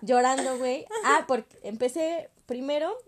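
A young Mexican woman spins a party story in loose, slangy chat. Her voice sits a little high, and she acts out the voices of the people in it. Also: moderate pace. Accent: Mexican Spanish.

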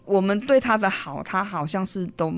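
A middle-aged woman with a Taiwanese accent, an interview guest telling a personal story, lively and acting out the lines she quotes. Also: mid-range voice, moderate pace. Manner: lively storyteller, mixes in Hokkien, acts out quotes.

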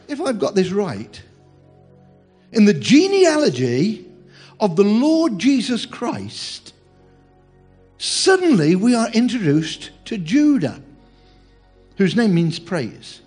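A man's voice: sits high, wildly swooping pitch, slow, pauses often, a little mellow, faint music behind. A man preaching a sermon in a humorous, chatty way, teasing his congregation.

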